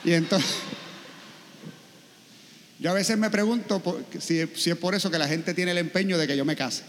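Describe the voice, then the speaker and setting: A priest giving a sermon, telling stories and asking rhetorical questions. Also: male voice, sits high, measured pace, fairly bright tone, slight background noise. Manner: storytelling with acted quotes and rhetorical questions. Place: church. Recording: church with long reverb.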